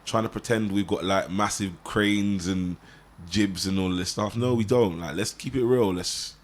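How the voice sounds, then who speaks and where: Relaxed man, low voice. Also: moderate pace. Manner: relaxed, encouraging, joking. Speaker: film director and podcast host. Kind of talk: casual post-shoot chat.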